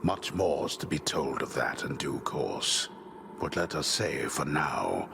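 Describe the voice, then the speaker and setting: A man playing a grave old storyteller in a video game, narrating solemnly in a gravelly, stately, measured way. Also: rumbling low, very animated, exaggerated voice. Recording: game audio with noisy ambience behind.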